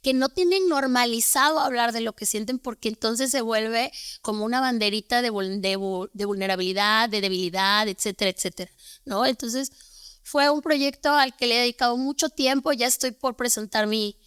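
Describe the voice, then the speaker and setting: A woman's voice: fairly high pitch, normal speed, fairly bright tone, smooth, no room sound, studio quality. Earnest young woman teacher. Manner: earnest, repeats words, tags with "¿no?". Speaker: guest, teacher. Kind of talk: conversational storytelling.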